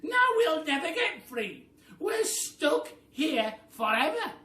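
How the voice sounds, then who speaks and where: Man putting on a shrill, screaming horrid wife. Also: sing-song, sharp tone, full character voice. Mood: furious, despairing. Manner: screaming, drawn-out words. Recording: roomy, noisy, distant microphone.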